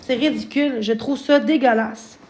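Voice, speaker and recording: A young woman with a Quebec French accent speaks in a high voice on her livestream. She sounds agitated and defensive, tripping over repeated words as she rants. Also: steady tone, normal speed, a little mellow, slight background noise. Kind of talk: upset livestream rant.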